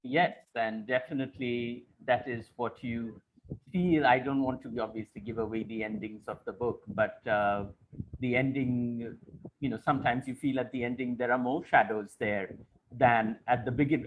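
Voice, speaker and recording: A man moderates a literary conversation, articulately putting long, thoughtful questions to a guest. His voice is mid-range and at normal speed. The audio is dull and lo-fi like a call, with a little hiss or hum.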